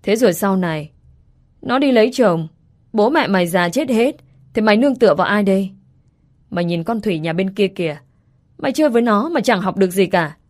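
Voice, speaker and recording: A woman's voice: medium pitch, lively intonation, fairly quick, darkish tone, lightly acted. A woman voicing a blunt, nagging older rural mother.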